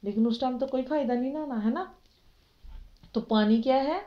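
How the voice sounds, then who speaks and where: A high-voiced woman with a Pakistani Urdu accent teaches kids religion over an online class, peppering them with questions so they stay involved, in dull lo-fi audio.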